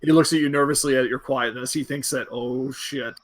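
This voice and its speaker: A man's voice: medium pitch, fairly even intonation, fast. A man narrating a tabletop game as game master, easygoing and descriptive, with fillers.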